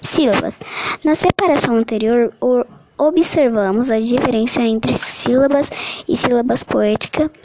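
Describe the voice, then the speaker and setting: A woman reading a Portuguese grammar summary aloud as a lesson, halting often and correcting her own slips. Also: on the high side, noisy background. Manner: slow, halting reading with restarts and self-corrections. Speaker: teacher reading a study summary.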